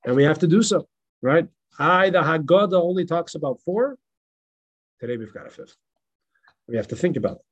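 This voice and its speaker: A man, a rabbi, teaching a Passover class with animated, emphatic repetition and stories. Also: on the high side, fairly quick, long pauses, slightly rough, dull audio. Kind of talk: Passover class reading and storytelling. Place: synagogue in El Paso.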